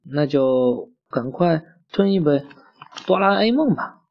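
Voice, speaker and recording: A man's voice: fairly high pitch, animated, slow pace. A man voicing an eager little boy in a storybook who keeps coming up with schemes. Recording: muffled lo-fi recording.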